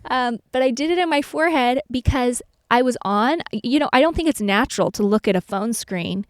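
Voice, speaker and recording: A woman's voice: on the high side, fairly quick, dry recording, studio quality. A woman in her twenties, co-hosting a podcast and talking in an earnest, candid, chatty way. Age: 20s. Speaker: podcast co-host. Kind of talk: casual chat.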